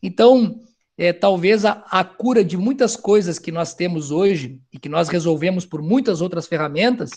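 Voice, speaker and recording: A middle-aged man, a family counselor giving a loud, animated talk to parents. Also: high voice, normal speed, a little hiss or hum. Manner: loud, animated, talks of speaking loudly.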